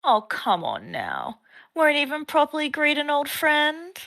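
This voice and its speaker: A woman's voice: high voice, wildly swooping pitch, unhurried, vocal fry, sharp tone, exaggerated voice. A woman voicing a sultry, teasing female adventurer with a subtle twang, in a story reading.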